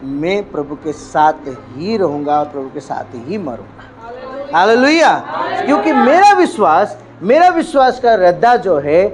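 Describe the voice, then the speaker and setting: A male pastor from India preaching a sermon emphatically, with frequent hallelujahs and swings between loud and hushed delivery. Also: high-pitched, very animated, measured pace, noisy background.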